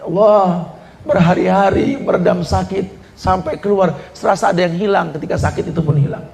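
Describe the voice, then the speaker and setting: A man's voice: high voice, gravelly, a little mellow, voice pushed up. A man voicing an aging mother who laments, hurt, that her grown son mistreats her. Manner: lamenting, pleading, tearful-sounding. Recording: echoey room.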